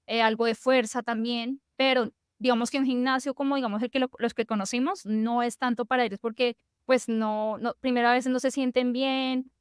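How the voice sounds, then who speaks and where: A woman doctor talks through her points in a relaxed interview, circling back with fillers and restarts. Her voice sits a little high and sounds smooth and resonant, recorded close and dry. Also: no room sound. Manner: explains at length with many fillers and restarts. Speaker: physician. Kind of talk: conversational interview.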